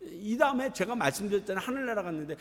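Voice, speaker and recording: A man preaching a sermon as pastor, telling lively stories and acting out the voices of people in them. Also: sits high, racing. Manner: animated storytelling, acting out voices in dialogue. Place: church sanctuary. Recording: long church reverb.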